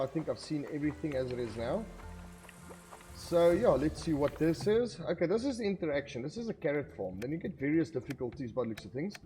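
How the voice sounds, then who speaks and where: A man's voice: fairly high pitch, warm tone. A man giving casual let's-play commentary, thinking aloud as he goes and saying 'okay' often. His voice sits a little above an average man's, with faint game music underneath. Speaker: gaming video creator.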